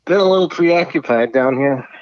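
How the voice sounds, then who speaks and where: A man's voice: mid-range voice, moderate pace, no echo, lo-fi sound. A man playing a flustered, stammering mission control operator, heard over a radio link in a comedy skit.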